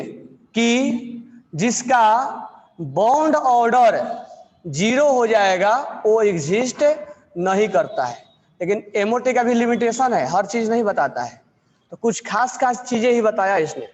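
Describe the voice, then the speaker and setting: A man teaching chemistry to a class, dictating notes slowly, repeating phrases and quizzing students as he goes. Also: high voice, lively intonation, in a large hall.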